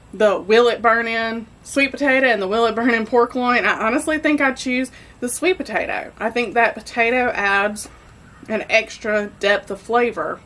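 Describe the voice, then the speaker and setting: A woman's voice: mid-range voice, a bit bright, rough recording. A woman hosting a casual cooking vlog from her home kitchen, chatty and enthusiastic. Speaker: barbecue cooking host.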